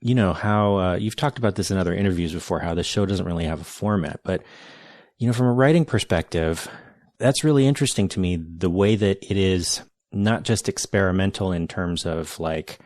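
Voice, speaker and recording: This podcast host has a deep, darkish voice and talks a little fast, captured as a dry, studio-quality recording. After reading an intro, he chats eagerly and sincerely with a guest, often starting his sentences over.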